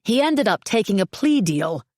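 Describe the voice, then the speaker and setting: A woman's voice: mid-range voice, big pitch swings, normal speed, a little mellow, dry recording, studio quality, pitched above the performer's own voice. A woman voicing a brash, outspoken, overloud woman who talks bluntly and derisively.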